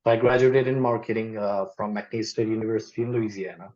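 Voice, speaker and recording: A young Nepali man with a Nepali accent speaks at a fairly low pitch and a quick pace, chatting openly and casually as an interview guest who works in e-commerce marketing. He's relaxed and candid, leaning on "like" and "you know" a lot. The audio is dull and lo-fi.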